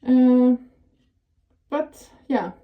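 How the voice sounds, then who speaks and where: Faint music plays behind a high-pitched, narrow, animated voice over tinny audio: a young Turkish woman in tech, speaking very slowly with a Turkish accent. She gives casual, chatty career advice that rambles, full of fillers and self-corrections.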